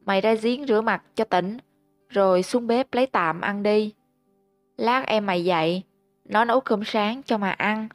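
A woman narrator voicing a stern rural father who scolds his son, with a gruff, scolding delivery in a storybook reading. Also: mid-range voice, measured pace, dry recording, faint music behind, natural voice.

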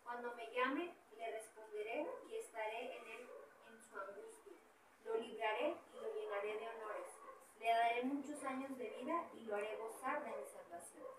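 A woman from the congregation reading a Bible passage aloud in a quiet, even way. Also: a little high, moderate pace. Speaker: congregation member reading scripture. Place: small church hall indoors. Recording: echoey room from far off with noise.

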